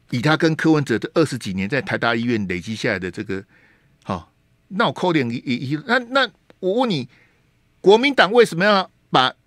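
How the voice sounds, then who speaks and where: Taiwanese radio host guy, lively up and down voice, pushy rhetorical questions, dry studio sound. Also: mid-range voice, no echo. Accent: Taiwanese Mandarin. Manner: emphatic, rhetorical questions, slips into Taiwanese Hokkien words. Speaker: radio talk show host. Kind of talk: political commentary monologue. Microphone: studio microphone.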